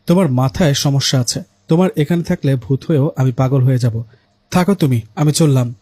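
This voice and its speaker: A man's voice: medium pitch, a little fast, warm tone, husky, no echo, natural voice. Mischievous ghost, male, sly, teasing, storybook, played by a man, dry close sound.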